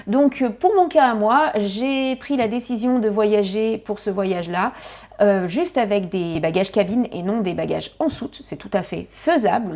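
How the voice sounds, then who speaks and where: A woman with a French accent giving chatty travel advice in a casual vlog, lively, with frequent fillers and restarts. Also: medium pitch, creaky. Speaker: family travel vlogger.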